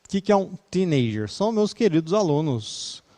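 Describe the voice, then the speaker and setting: A man's voice: fairly high pitch, sing-song, moderate pace, warm tone. A male English teacher with a Brazilian Portuguese accent leads an online class, chatty and easygoing, laughing easily and ending sentences with "né".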